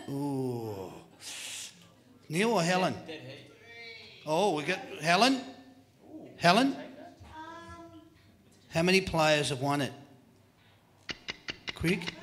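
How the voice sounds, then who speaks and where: An Australian man hosting a live quiz at a venue, energetic and joking as he hurries contestants along. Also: high voice. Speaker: quiz host on a live footy panel show.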